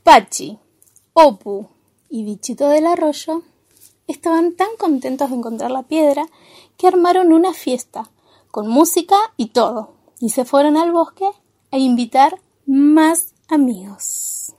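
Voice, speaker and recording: A woman with an Argentine accent narrating a children's story in an expressive, lively way. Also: high voice, a little slow.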